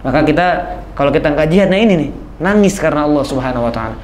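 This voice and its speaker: Brief: middle-aged male preacher, slightly high voice, animated, questions the congregation often. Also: very fast, echoey room, slight background noise. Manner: addresses the men as "Pak", asks them questions, quotes Arabic and translates it; lively, swings between raised emphatic lines and low quiet ones. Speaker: Islamic preacher. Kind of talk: sermon. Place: mosque.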